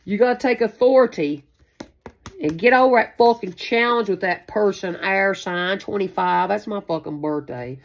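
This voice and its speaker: With a creaky, medium-pitched voice at a moderate pace, a tarot reader who hosts a spiritual channel improvises a casual reading. She sits at a card table in a small room, rambling and repeating herself in a folksy manner, with a curse word here and there.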